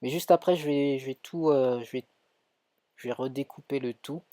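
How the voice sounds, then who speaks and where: A man's voice: mid-range voice, normal speed, warm tone, no room sound. A man with a French accent teaching a live coding tutorial, thinking aloud with many fillers and self-corrections. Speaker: coding instructor streaming.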